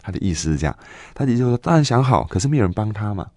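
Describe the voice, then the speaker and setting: A man in his twenties telling a personal faith story in an interview, earnest and halting, with many fillers and restarts. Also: on the low side, sing-song, a little mellow, no room sound. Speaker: guest giving a faith testimony.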